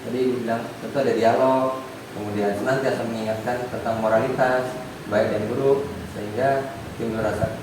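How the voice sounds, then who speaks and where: A man's voice: mid-range voice, steady tone, fairly quick. A man conducting an interview, summarizing answers and asking follow-up questions with frequent agreement. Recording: echoey room, far from mic, noisy.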